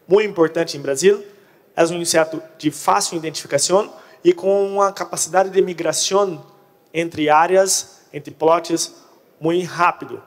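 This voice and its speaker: Male conference speaker, Brazilian, native Portuguese, mixing in Spanish as portunhol. Higher-pitched voice, echoing hall. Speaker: conference speaker on crop pest control. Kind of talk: presentation to an audience. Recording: echoey hall with long reverb.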